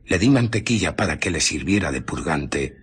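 An obsessive, secretive scientist in a radio play, with an accent from Spain. His deep voice is heavily husky and breathy. He tells his tale with theatrical intensity and dramatic swings of intonation. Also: lively intonation, moderate pace, heavily acted. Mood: brooding, absorbed. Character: obsessive, irritable male scientist, brooding and secretive. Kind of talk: Spanish radio drama acting.

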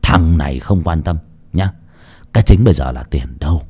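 A man voicing a rough, bullying male debt collector who barks his threats. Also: medium pitch, sing-song, fairly quick, lightly acted. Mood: menacing. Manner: barking, bullying.

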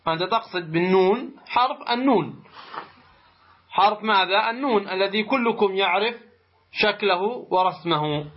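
A man teaching a tajweed lesson, explaining slowly and deliberately, pausing to pose rhetorical questions to his students. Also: sits high. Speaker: Quran recitation teacher. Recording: muffled lo-fi recording.

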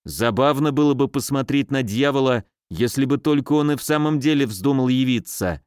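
A sly male footman with a mocking, teasing streak, a prankster at heart, played by an audiobook reader. His mid-pitched voice sounds dry and close. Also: moderate pace, darkish tone, smooth, dry recording, lightly acted.

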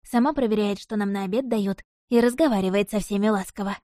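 A woman's voice: mid-range voice, dark tone, dry recording, clean studio sound, natural voice. A woman reading an audiobook voices a polite, eager young male messenger who answers his lord readily and deferentially. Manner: deferential, brisk and willing.

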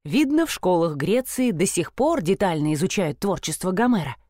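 A woman narrating a novel in the first person, in a wry, expressive manner. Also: lowish voice, moderate pace, dry recording, studio quality. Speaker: audiobook narrator.

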